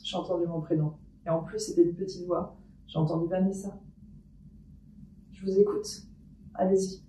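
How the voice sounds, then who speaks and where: A woman with a mellow, darkish voice talks her way through a paranormal experiment at home, hesitant and full of pauses and restarts. She sits away from the mic in an echoey room, so her voice sounds distant and roomy. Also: fairly low pitch, fairly even intonation, slight background noise. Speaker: paranormal investigator. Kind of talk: paranormal experiment vlog, thinking aloud.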